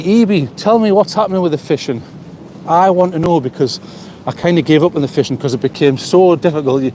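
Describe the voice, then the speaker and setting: A North East England vlogger with a fairly high, mellow voice strolls along a seaside pier, talking to his livestream viewers through a small phone mic. He's chatty and rambling, repeating words while thinking, with slight background noise.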